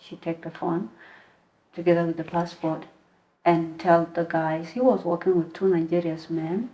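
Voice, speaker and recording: Woman interview guest; earnest, halting storyteller, somewhat low voice. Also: fairly even intonation, dark tone, slight background noise, rough recording. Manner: halting, earnest retelling with frequent restarts. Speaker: podcast guest.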